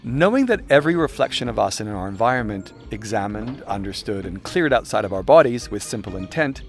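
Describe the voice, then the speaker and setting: A man with a lowish, sing-song voice reads his own self-help audiobook at a brisk clip. His narration is wry, irreverent and conversational, drifting into chatty asides, with a musical soundscape behind him.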